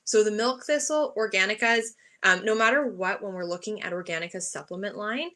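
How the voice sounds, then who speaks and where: Bright-voiced woman giving informal product talk. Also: medium pitch, brisk. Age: 30s. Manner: conversational and explanatory, enthusiastic about products. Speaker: health supplement presenter for a sponsor.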